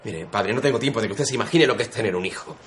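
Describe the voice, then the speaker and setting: A man's voice: lowish voice, racing, a little hiss or hum, lightly acted. A man playing a worn-out, foul-mouthed police sergeant. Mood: exasperated. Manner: exasperated, crude and threatening.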